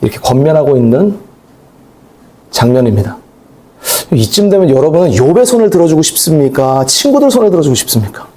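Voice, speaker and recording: A male pastor preaching a sermon in a conversational, animated way, with asides and acted-out quotes. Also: fairly high pitch, brisk.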